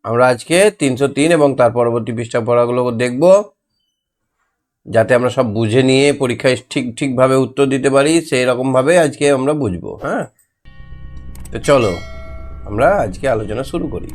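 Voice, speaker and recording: Guy teaching little kids homework, slow and patient, spells out each letter, average pitch, close mic. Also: faint music behind. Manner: patient, quizzes children and spells words out letter by letter. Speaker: primary school teacher. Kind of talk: homework lesson for young children.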